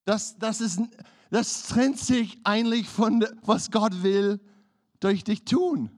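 A male pastor, a native English speaker with an English-speaking accent in German, preaching a charismatic sermon with exclamations, repeated phrases and halting non-native phrasing. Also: high-pitched, a little mellow. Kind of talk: charismatic sermon with scripture reading.

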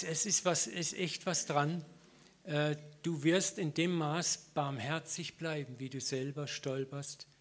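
A middle-aged man preaching a sermon in an informal, conversational way, often ending phrases with a tag question and briefly voicing biblical figures. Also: a little high.

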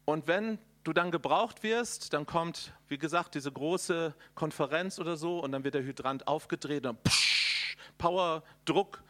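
A middle-aged man preaching a charismatic sermon, folksy and animated, talking straight to his listeners and making sound effects. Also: a little high, moderate pace, few pauses. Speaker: preacher and conference speaker.

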